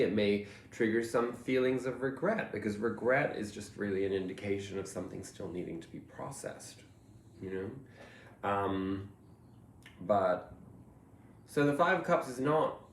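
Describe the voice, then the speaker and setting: A man giving a reflective tarot reading, musing and meandering, often trailing off softly. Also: lowish voice, slight background noise. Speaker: tarot reader. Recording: roomy echo, faint ambience.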